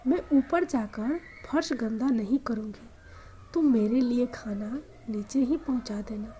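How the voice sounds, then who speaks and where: A woman voicing a gentle, trusting elderly mother who speaks softly and pleads. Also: a little high, measured pace, slight background noise, lightly acted.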